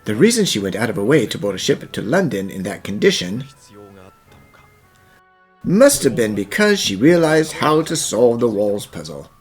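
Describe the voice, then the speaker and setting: A man plays a calm, courteous cartoon professor. His voice sits at a middle pitch but swings very widely as he reasons aloud, deliberate and earnest. Faint music is mixed in. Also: close to an everyday voice. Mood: thoughtful, explaining. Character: calm gentlemanly male puzzle-solving professor, earnest and thoughtful. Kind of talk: English fan dub of animated mystery.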